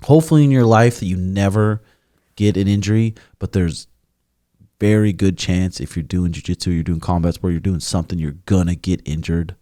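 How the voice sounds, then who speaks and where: A man's voice: deep voice, brisk, dark tone, dry recording, clean studio sound. A young man hosting a casual podcast, laid-back and crude, swearing freely. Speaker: podcast host.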